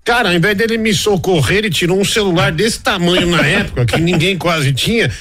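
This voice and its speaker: A man from Brazil telling a story casually on the radio, acting out other people's lines with big jumps in pitch. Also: a little fast. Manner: animated, acts out quoted voices with big jumps in pitch. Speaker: radio reporter.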